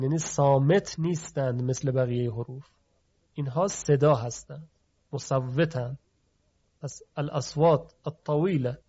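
A man's voice: on the high side, a little mellow. A man teaching pronunciation of letters in a lecture, stretching out key terms and asking rhetorical questions. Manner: explanatory, drawn-out emphasis on key terms, asks rhetorical questions. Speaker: teacher of Quran recitation phonetics. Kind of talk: classroom lecture. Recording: dull lo-fi recording.

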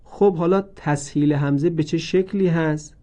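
A man gives a recorded lesson on the rules of Quran recitation, working through each point methodically. His voice sits a little high but stays mellow and soft-edged. He explains every rule and then repeats the examples so listeners can practise. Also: steady tone.

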